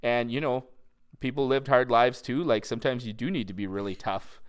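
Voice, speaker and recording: A man's voice: mid-range voice, fairly quick, clean tone. A man co-hosting a casual TV recap chat, talking in a conversational, reflective way. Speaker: podcast co-host.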